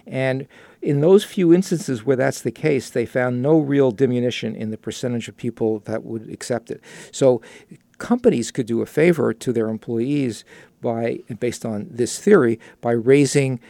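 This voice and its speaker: A man co-hosting a finance talk show, walking through news articles in a conversational way, halting often with fillers and restarts. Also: medium pitch, creaky, mellow, no room sound. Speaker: co-host of a personal finance show.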